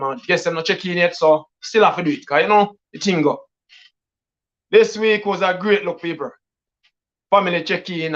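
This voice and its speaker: A man with a Jamaican accent hosting a casual live stream as a DJ. He speaks in a patois-laced, repetitive hype style full of shout-outs. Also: on the high side. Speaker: DJ and livestream host. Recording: dull lo-fi stream audio.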